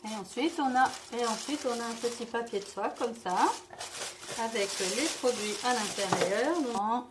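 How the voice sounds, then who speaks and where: A woman's voice: fairly high pitch, moderate pace, background noise. A French-speaking woman reviewing organic makeup in a casual vlog, often stumbling over product names and correcting herself. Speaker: beauty vlogger.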